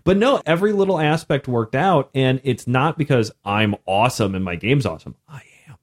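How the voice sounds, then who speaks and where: A man co-hosts a laid-back podcast conversation about running games, acting as game master too. His medium-pitched voice is loud and carries, and he talks fairly quickly with lots of energy and laughter.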